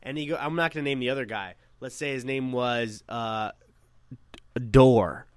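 A young man spins a long story from high school, looping back on himself and swearing casually as he goes. His voice sits at an ordinary middle pitch. The sound is dry and close, with no room echo. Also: moderate pace, clean tone. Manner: rambling, self-correcting, swears freely. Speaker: podcast co-host.

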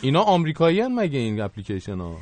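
A man's voice: fairly high pitch, huge pitch swings, a little mellow, no room sound. A man whose mother tongue is Gilaki, hosting a casual radio show with a playful, interjecting way of chatting. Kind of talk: lively casual radio chat.

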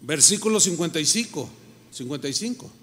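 A pastor preaches in a fairly high voice and fairly quick, and his animated delivery slips into little acted-out quoted reactions. The sermon rings with a long reverb tail from a large hall.

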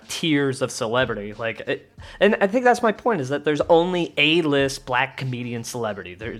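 A man's voice: mid-range voice, fairly bright tone. A man with a mid-range voice hosts a podcast in casual talk. He rambles and curses, often trailing off as he hunts for his words. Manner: rambling, swearing, searching for words. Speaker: podcast host.

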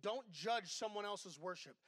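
A middle-aged associate pastor preaches in a candid, conversational way, weaving in stories from his own life. His voice sits high and bright. The sound is dry and close, with almost no room echo. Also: unhurried. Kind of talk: sermon.

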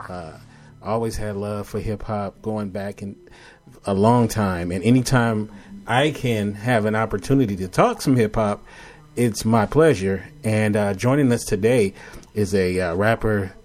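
A man from Los Angeles hosting an internet radio show, interviewing a guest in a relaxed, hesitant way with many fillers. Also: fairly low pitch. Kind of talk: casual interview.

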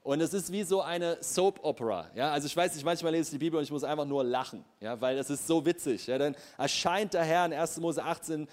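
A man's voice: fairly high pitch, quick pace, few pauses, a little mellow. Laughing, casual German preacher man. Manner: casual, humorous, laughs often. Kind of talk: sermon. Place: church.

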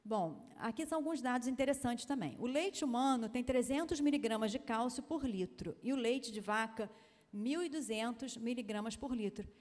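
A woman doctor from Brazil lectures in a chatty, emphatic way, tossing in tag questions as she goes. Her voice sits a little high, and a long hall reverb trails behind it. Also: normal speed, darkish tone. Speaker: pediatrician giving a talk. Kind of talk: lecture-style talk with slides.

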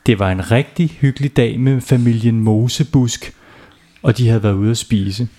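A man's voice: mid-range voice, mellow. A man, a father, telling a silly bedtime story to children, playful and often asking them questions.

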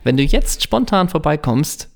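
A man co-hosting a podcast in casual banter, relaxed and chatty, teasing his partner and tagging sentences with little questions. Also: fairly high pitch, normal speed, vocal fry. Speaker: podcast co-host.

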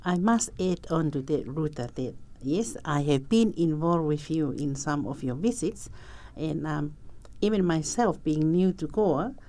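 Lowish-voiced woman interviewer. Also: warm tone. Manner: effusive, appreciative. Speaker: podcast interviewer. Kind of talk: conversational interview.

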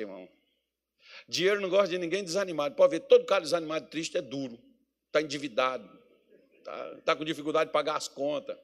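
A male pastor from Minas Gerais preaching a sermon, mixing folksy joking asides with emphatic, rising preaching. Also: on the high side. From Minas Gerais, Brazil. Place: church meeting hall.

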